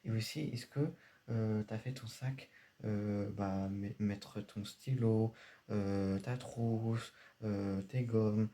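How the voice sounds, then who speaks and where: A man's voice: on the low side, dark tone. A man playing a strict, stressed father who scolds his son in a homemade comedy sketch, repeating himself a lot. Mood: worried.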